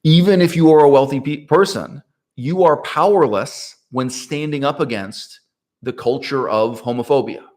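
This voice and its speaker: A man talking through a political topic in a casual monologue, rhetorical and animated, often checking in with "right?" and laughing mid-sentence. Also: medium pitch, normal speed. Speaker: political commentator.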